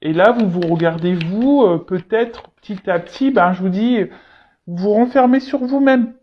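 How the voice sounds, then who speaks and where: A tarot reader addresses the audience directly in a loose, unscripted reading, often stalling and looping back with repeated words and fillers. The voice is mid-range at a normal speed, and the lo-fi recording sounds slightly dull with a muffled top end.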